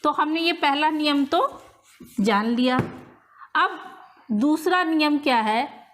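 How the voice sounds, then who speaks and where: Woman grammar teacher, high voice, slow and patient, repeats each step. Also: lively intonation, fairly bright tone. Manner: slow, repetitive step-by-step explaining. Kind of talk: whiteboard-style grammar lesson.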